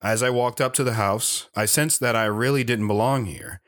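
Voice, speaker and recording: A man's voice: medium pitch, normal speed, a bit bright, close to an everyday voice. A man playing a young soldier, husband and father, who talks in a clipped, dutiful way and narrates his own story. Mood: steady. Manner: clipped, dutiful military politeness. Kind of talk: first-person story narration and dialogue.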